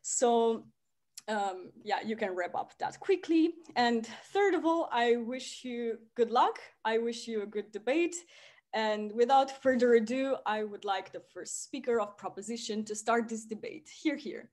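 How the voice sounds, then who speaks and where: A woman from Romania chairing a debate on a video call, friendly and measured, with some fillers. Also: on the high side, expressive, darkish tone. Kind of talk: formal introductions over video call.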